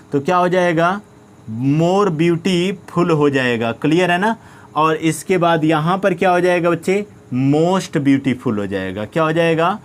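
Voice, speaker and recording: A man with an Indian accent teaching a grammar lesson, asking questions and answering them himself while often checking understanding. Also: a little high. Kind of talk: classroom-style grammar lesson.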